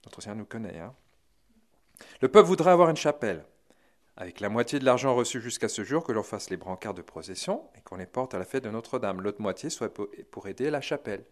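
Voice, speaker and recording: Man telling a miracle story, animated. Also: on the low side, a little fast. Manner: lively, dramatic retelling with chuckling asides. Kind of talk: religious storytelling talk.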